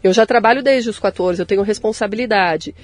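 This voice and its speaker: A woman's voice: medium pitch, fairly quick. A woman with a Brazilian accent, a podcast guest, earnestly telling her own story and often adding "né". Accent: Brazilian Portuguese. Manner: earnest, persistent storytelling with frequent "né". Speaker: guest, entrepreneur. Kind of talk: conversational interview.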